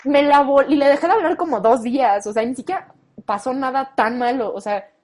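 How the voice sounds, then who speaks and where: Mexican girl around twenty spilling a school drama story, kinda high voice, lots of slang, acts out every line. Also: brisk. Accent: Mexican Spanish. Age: late teens. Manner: animated, slangy, acts out quoted lines. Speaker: guest. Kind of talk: casual storytelling.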